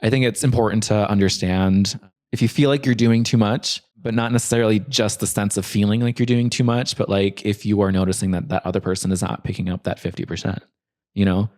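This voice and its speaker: A man's voice: fairly low pitch, steady tone, a little fast, darkish tone. A young man from the American Midwest, a drag performer and piercer, chatting playfully as a podcast guest, laughing often and filling his talk with "like.". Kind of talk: casual podcast chat.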